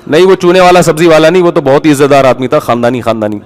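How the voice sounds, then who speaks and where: Man, lively storytelling sermon, somewhat high voice, long reverb from a large hall. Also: faint music behind. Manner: animated storyteller, acts out the people in his stories. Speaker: Islamic preacher.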